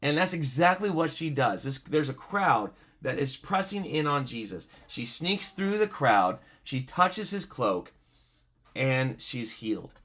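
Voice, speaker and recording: A man's voice: mid-range voice, sing-song, a little slow, fairly bright tone. A man teaching a video bible study lesson in a conversational way, telling stories with lots of fillers. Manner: conversational, many fillers, storytelling asides.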